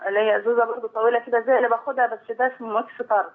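A woman's voice: on the high side, flat delivery, very fast. A woman in her forties with an Egyptian accent, calling in by phone, rambling and repeating herself with worry. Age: 40s. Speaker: caller. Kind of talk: call-in phone conversation. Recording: tinny phone line.

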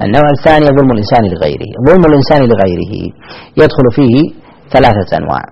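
A slightly muffled recording of a man with a husky, creaky, lowish voice. He teaches religion in formal standard Arabic, speaking very quickly in a didactic way. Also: very animated, a little mellow. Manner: didactic, repeats key phrases for emphasis. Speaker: religious scholar, guest.

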